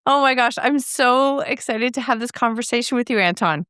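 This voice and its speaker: A woman's voice: fairly high pitch, moderate pace, a bit bright, clean tone, no echo, clean studio sound. A woman hosting a podcast, introducing her guest and interviewing him with effusive enthusiasm. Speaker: podcast host.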